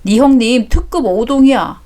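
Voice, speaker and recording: A woman's voice: fairly high pitch, normal speed, warm tone, natural voice. Crude, bragging shopkeeper man in a radio drama, middle-aged, voiced by a woman. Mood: gossiping. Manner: crude, boastful storytelling. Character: boastful middle-aged male fruit seller, crude gossip.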